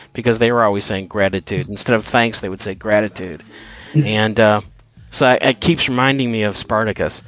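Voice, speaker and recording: A man's voice: medium pitch, a bit bright. A man co-hosting a casual album review chat, hesitant and full of fillers as he checks his notes. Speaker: podcast co-host reviewing an album.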